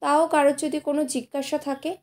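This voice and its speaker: Woman, high voice, mellow warm tone, patient classroom explanation. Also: little pitch movement. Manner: patient, repeats and sounds out example words slowly. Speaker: English teacher. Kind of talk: slow explanatory lesson to students.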